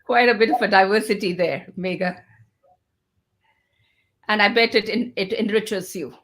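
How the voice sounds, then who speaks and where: A woman's voice: mid-range voice, moderate pace, a bit bright. Woman hosting an online interview. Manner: asks questions with fillers and restarts. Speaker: host.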